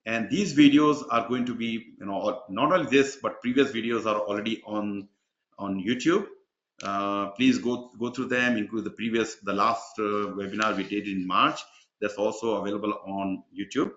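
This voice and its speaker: Speaking at a normal pace in a lowish, somewhat bright voice, a man mentors exam takers through an online webinar. He chats loosely with plenty of fillers, captured on dull, echo-laden video call audio.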